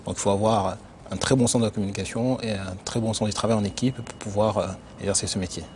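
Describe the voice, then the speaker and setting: A man who grew up in Benin, an internal auditor answering interview questions in a measured, explanatory way with frequent hesitations. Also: lowish voice, fairly even intonation, darkish tone, slight background noise. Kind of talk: corporate career interview.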